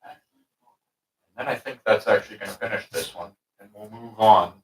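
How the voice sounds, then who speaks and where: A man casually thinking out loud while he paints, chatting with viewers in a relaxed, rambling way. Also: lowish voice, normal speed, distant mic. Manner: relaxed, rambling, talks to himself and chat. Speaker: painter streaming his work. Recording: roomy sound, speaker away from mic.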